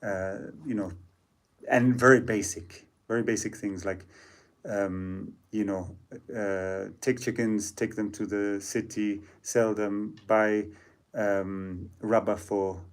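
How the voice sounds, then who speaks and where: Lowish guy musician chatting in an interview, lots of ums, slow and thoughtful. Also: fairly even intonation. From Zambia. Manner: reflective, hesitant with many fillers. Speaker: musician guest. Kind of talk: casual interview storytelling.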